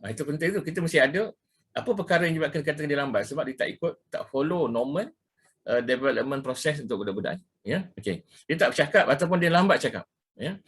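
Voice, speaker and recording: Malaysian guy giving a casual talk, rattles along quick, kinda husky voice, keeps saying ya and ha. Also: on the high side, animated, fairly bright tone. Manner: casual, repetitive, mixes in English words, frequent "ya" and "ha". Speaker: ruqyah practitioner giving a talk. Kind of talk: informal lecture with slides.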